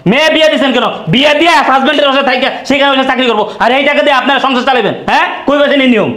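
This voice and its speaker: A high-voiced, rapid-fire bully of a husband, played by a man, hectoring his in-laws. His tone is bright and hard-edged. The scene sits in an echoey room. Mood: angry bullying. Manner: hectoring, shouting threats. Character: greedy bullying young husband, threatening. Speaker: son-in-law demanding money. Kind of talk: amateur short-film acting.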